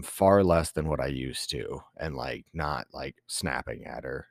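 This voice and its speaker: A young adult man hosting a podcast, telling a candid personal story in a halting way with many ums and restarts, tearful at times. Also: extremely low pitch, no echo, clean studio sound. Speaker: podcast host. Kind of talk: personal reflective monologue.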